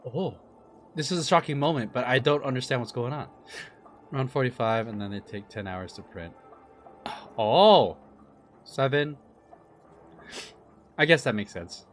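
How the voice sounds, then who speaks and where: A man live-streaming his reaction to a game, chatting casually with viewers in an animated, talkative way. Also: medium pitch, measured pace, long pauses, faint music behind.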